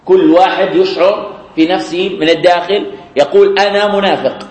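A man preaching a sermon in a mosque after prayer, repeating key phrases and drawing out his quotations slowly. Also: high voice, fairly even intonation, darkish tone. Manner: repeats key phrases, slow drawn-out quoting. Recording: echoey prayer hall.

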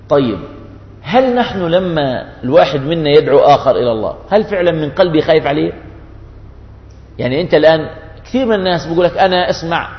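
A man preaching, earnest and pleading. His voice sits fairly high and carries through a long, echoing hall. The recording is dull and lo-fi. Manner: earnest, shifts between colloquial dialect and classical Arabic. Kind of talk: sermon. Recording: echoey hall, dull lo-fi sound.

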